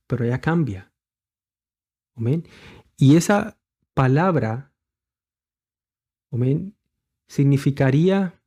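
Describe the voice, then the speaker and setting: Mellow-voiced man teaching scripture. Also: medium pitch. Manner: explains patiently, with many fillers and rhetorical questions; refers to letters shown on screen. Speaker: bible teacher. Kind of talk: religious teaching.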